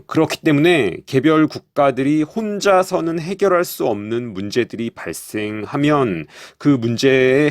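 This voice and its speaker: A man's voice: medium pitch, no room sound, studio quality. A man explaining at length in a casual monologue, with frequent hesitations and sudden rises of emphasis. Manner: hesitant, many fillers and restarts, lively emphasis. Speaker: commentator.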